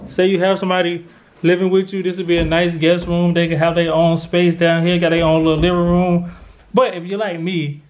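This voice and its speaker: An American family vlogger around his thirties gives a casual house tour, speaking briskly in a high-pitched, flat voice. The low-quality recording comes from a handheld camera held at arm's length, with clear background noise.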